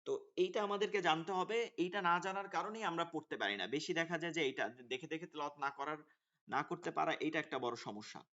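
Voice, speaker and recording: A man's voice: fairly high pitch, brisk, sharp tone. Hesitant male teacher on a dull call. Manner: explanatory, hesitant with many fillers. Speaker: online Quran course teacher. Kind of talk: online class orientation talk. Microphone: online video call.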